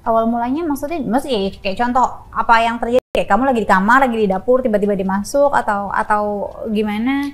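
Host: higher-voiced woman, casual, keeps prompting with probing questions. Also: fast talker. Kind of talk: casual interview.

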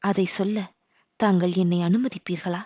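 A woman's voice: fairly low pitch, steady tone, normal speed, no room sound, natural voice. A woman reading the part of a devoted young dancer, pleading with heartfelt, devotional feeling. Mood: devoted, yearning. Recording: dry, tinny phone-like sound.

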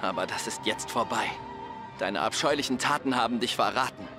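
An actor playing a resolute fantasy warrior in a video game, speaking in a stern, accusatory and commanding way. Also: male voice, mid-range voice, brisk, over music, close to an everyday voice. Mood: stern, accusing. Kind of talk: dramatic video game acting.

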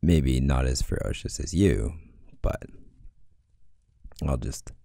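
A man in a whispered role-play as a playful, teasing boyfriend, speaking softly and affectionately. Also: rumbling low, expressive, takes it slowly, gravelly. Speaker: audio role-play creator.

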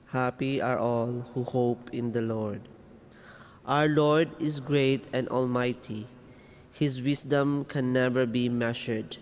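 A man reads scripture at Mass in a slow, reverent way, one phrase at a time. His voice sits at a middle pitch. A long cathedral-like echo trails each phrase. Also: slight background noise. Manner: measured, reverent, phrase-by-phrase delivery. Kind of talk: solemn scripture reading. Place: inside a church.

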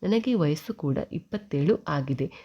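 A woman's voice: low voice, expressive, moderate pace, mellow. A woman voicing an earnest young man in his late twenties who coaxes and explains himself. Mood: coaxing.

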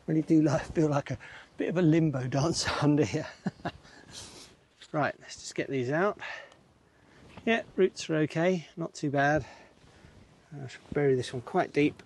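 Here the gardening vlogger sounds a little high and husky, with a darkish tone, an unhurried pace and long pauses. He's a middle-aged man digging and planting on his allotment, chatting and laughing to himself, recorded on a camera mic that sometimes sits far off.

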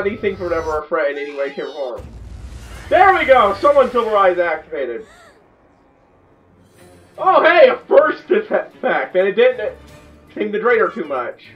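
A young man hosting a reaction video, excitable and loud, often restarting his sentences, speaking into a headset in a small room at home. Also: sits high, moderate pace, distant mic, soft background music, rough recording.

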